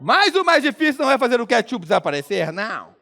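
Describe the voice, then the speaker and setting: A motivational speaker from Minas Gerais, with a mineiro Brazilian Portuguese accent, gives a playful comic stage talk, teasing the audience with jokes. His very high voice is sing-song, fast, creaky, pushed, and bright.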